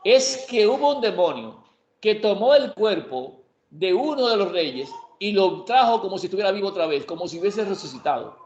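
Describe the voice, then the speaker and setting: A man with a fairly high voice teaches Bible prophecy in an emphatic way. He keeps posing questions and then answering them himself. The recording is roomy and slightly muffled. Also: expressive, normal speed, a little hiss or hum. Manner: emphatic, asks and answers his own questions. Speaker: preacher. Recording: echoey room, dull lo-fi sound.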